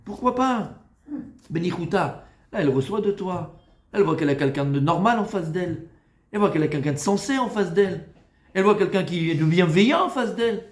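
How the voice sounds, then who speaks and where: Man, rabbi, high voice, informal Talmud class, teasing and familiar, loud urging to soft coaxing, echoey room. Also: lively intonation, a little fast. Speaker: rabbi teaching a Torah class. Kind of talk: informal Talmud lesson to a live group.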